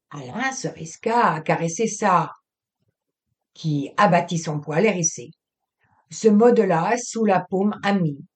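Slow, low-voiced woman reading a novel. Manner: slow, measured, expressive delivery. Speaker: audiobook reader.

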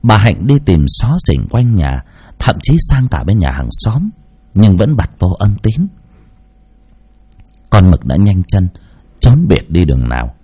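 Male narrator, husky, deep, expressive storytelling delivery. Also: a little slow, pauses often. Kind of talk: scripted narration.

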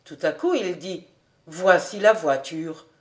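Slow, measured French woman reading aloud. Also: on the low side. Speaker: audiobook reader. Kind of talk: audiobook narration of a classic novel.

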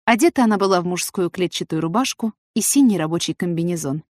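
A woman narrating an audiobook in an even storytelling manner. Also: on the low side, fast talker, no echo, studio quality.

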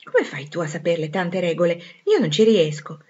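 A woman's voice: lowish voice, sing-song, normal speed, darkish tone, husky, highs cut off. A woman voicing a clumsy, tomboyish teenage girl who speaks plainly and apologetically. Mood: earnest.

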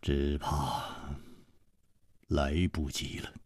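A male storyteller voicing a calm, unflappable hero who speaks low, soft and understated, in a traditional storytelling performance. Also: takes it slowly, dry recording, studio quality, full character voice.

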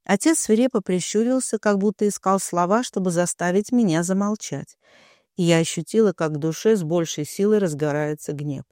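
A man's voice: sits high, normal speed, a little mellow, dry recording, clean studio sound. A man reading a first-person novel aloud with emotional storytelling. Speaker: audiobook reader.

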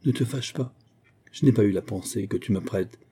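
Brief: male reader as an exasperated old singing master, husky and mellow. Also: on the low side, moderate pace. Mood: pleading. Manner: exasperated, scolding. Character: old Italian singing master, irascible, fussy.

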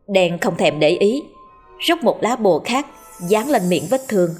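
Brief: husky low female narrator, ghost story reading, faint music behind. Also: expressive, measured pace, a little mellow.

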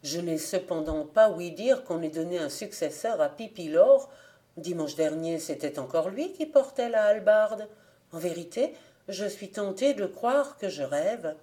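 A woman's voice: on the low side, animated, a little slow, warm tone. Woman voicing Marie Cornic, an anxious young woman. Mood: puzzled. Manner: anxious, pleading.

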